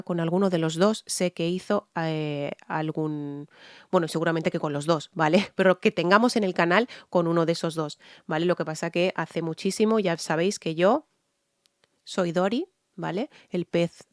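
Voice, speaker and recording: A woman's voice: lowish voice, steady tone, normal speed, no room sound, clean studio sound. A woman from Spain with a Spanish accent, a vocal coach giving a candid, explanatory analysis of a singer's voice in a reaction video, often checking in with her listeners. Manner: frank, explanatory, frequent "¿vale?" check-ins.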